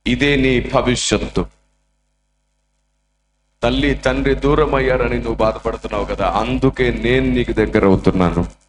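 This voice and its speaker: A man speaking as God in a gentle, reassuring voice. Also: mid-range voice, steady tone, moderate pace, long pauses, noisy background, pitched below the performer's own voice, close to an everyday voice. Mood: comforting. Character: God, a tender comforting male voice. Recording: echoey room.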